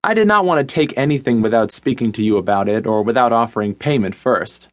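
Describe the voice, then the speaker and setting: A woman voicing a smooth, cultured, kindly male court wizard, calm and assured. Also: extremely low pitch, quick pace, voice pushed down. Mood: calm, pleasant.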